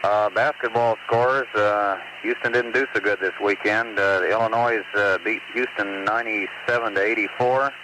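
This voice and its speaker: Mission control guy chatting on astronaut radio, lowish voice, plenty of static and hiss. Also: fairly even intonation, moderate pace, few pauses. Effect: space mission radio link. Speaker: capsule communicator at mission control. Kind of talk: casual astronaut radio exchange with news and scores.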